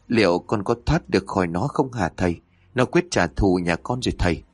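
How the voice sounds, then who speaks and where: Deep-voiced man telling a ghost story. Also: dry recording. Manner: dramatic storytelling. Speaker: narrator. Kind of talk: horror story narration.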